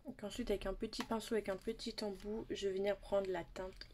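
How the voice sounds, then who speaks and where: Young woman narrating her makeup, medium pitch, chatty with hushed asides. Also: flat delivery, brisk, a little hiss or hum. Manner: chatty, drops into soft asides and near-whispers. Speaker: beauty vlogger. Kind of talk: casual makeup tutorial chat.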